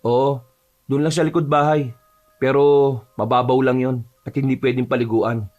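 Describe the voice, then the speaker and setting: A man's voice: medium pitch, level tone, moderate pace, darkish tone, lo-fi sound, soft background music. A man narrating an audio horror story and voicing its earnest lead character.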